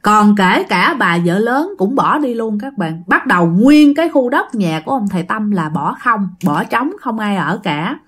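A woman's voice: mid-range voice, expressive, normal speed, few pauses, fairly bright tone, breathy edge. A woman with a Southern Vietnamese accent narrating a ghost story in a chatty storytelling style, often speaking straight to her listeners. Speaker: storyteller host.

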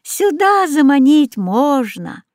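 Lady doing a chatty pet parrot guy, high and excited, dry close sound. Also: takes it slowly, dry recording, exaggerated voice. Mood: eager. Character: talkative male pet parrot.

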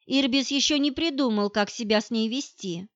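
A woman narrating an audiobook in an even storytelling manner. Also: on the high side, normal speed, no room sound, dull audio.

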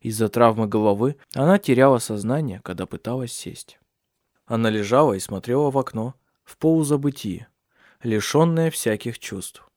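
Delivering scripted narration, a male audiobook reader keeps his storytelling measured and even. He has a mid-range voice, recorded at studio quality without any echo.

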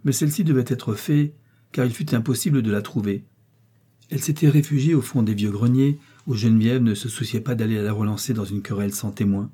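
A man with a medium-pitched, husky voice narrates a classic novel as an audiobook. His storytelling is measured and even.

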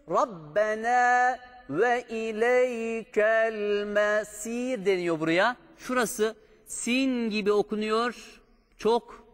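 Male recitation teacher, high-pitched, unhurried, patient pronunciation drills, reverberant sound. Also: fairly bright tone. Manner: slow, patient, drawn-out chanted recitation of examples. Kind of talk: step-by-step pronunciation lesson.

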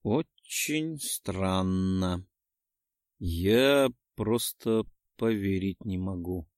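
Man doing a puzzled young wizard guy, low slow murmur, dry close sound. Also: steady tone, no echo. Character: bewildered young male mage, quiet and grave. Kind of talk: audiobook character voice.

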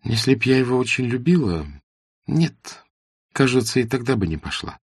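A man's voice: mid-range voice, expressive, normal speed, breathy edge, no echo, studio quality, pitched above the performer's own voice. A man voicing a shy, reserved young woman. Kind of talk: audiobook character reading.

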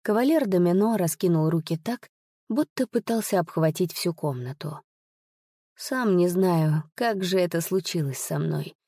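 A woman narrating an audiobook in an expressive, measured storytelling manner. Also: lowish voice, husky, no echo, clean studio sound. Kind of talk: audiobook reading.

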